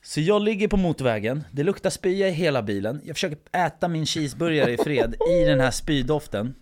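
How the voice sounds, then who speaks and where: Casual man telling a story. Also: on the high side. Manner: animated anecdote-telling, acts out quotes, swears casually.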